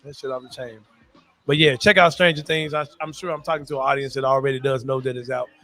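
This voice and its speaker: A man's voice: medium pitch, fairly even intonation, quick pace, pushed and bright. A man hosting a casual podcast, talking in loose slang, laughing often and leaning on "bro" for emphasis. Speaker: podcast host. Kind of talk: casual sports and pop culture chat.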